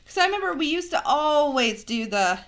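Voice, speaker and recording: A bubbly young woman talks straight to her viewers in a casual unboxing vlog filmed on a phone camera. Her voice sits high and swoops up and down as she gushes and chats. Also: very animated, brisk, a bit bright. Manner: bubbly, gushing, chatty with viewers. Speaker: unboxing vlogger.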